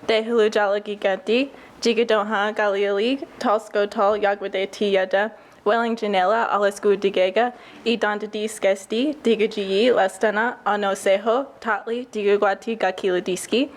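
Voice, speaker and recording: Young woman at mid pitch, reciting a short memorized introduction. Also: steady tone, moderate pace. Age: 20s. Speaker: bike rider introducing herself. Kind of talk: formal introduction in Cherokee then English.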